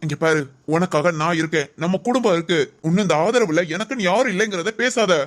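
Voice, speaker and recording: A woman's voice: on the low side, fast, natural voice. A woman voicing a young husband in a family audio drama, teasing and reassuring his wife. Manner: scolding yet affectionate, reassuring.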